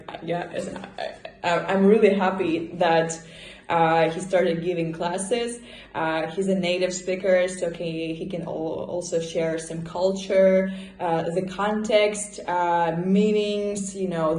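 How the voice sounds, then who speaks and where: A native Russian speaker from Russia, this woman has a lowish, darkish voice and a Russian accent. She chats casually and expressively in a vlog, answering viewers' questions, and the indoor room gives noticeable echo.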